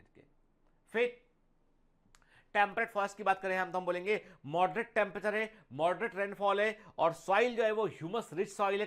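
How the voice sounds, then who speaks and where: High-voiced man teaching biology. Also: a bit bright. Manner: mixes Hindi and English, slows to read English lines aloud; calls students "beta", often adds "theek hai". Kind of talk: online exam-prep lecture.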